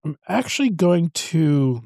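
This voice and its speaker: A man's voice: on the high side, big pitch swings, slow, vocal fry, dark tone, no echo, clean studio sound. A man co-hosting a beer tasting talk, chatting loosely with many restarts. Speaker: beer podcast co-host. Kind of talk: casual chat.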